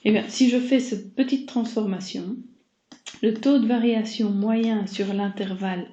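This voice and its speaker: A math teacher delivers a recorded lesson, guiding her students step by step and speaking to them directly. Her voice is medium in pitch, steady, a little slow, and dark in tone, captured with dull, muffled sound and roomy echo.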